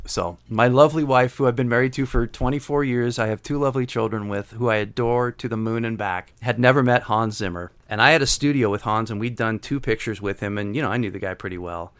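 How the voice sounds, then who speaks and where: A man's voice: on the low side, fairly bright tone. A middle-aged man, a guest composer, chatting casually on a podcast and drifting into wry, rambling stories from his work. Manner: storytelling, digressive, wry.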